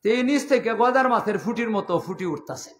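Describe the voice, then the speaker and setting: High-voiced impassioned Habiganj Bengali preacher. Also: male voice, expressive, brisk, roomy sound. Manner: impassioned, chanting cadence with repeated phrases. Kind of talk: sung storytelling sermon.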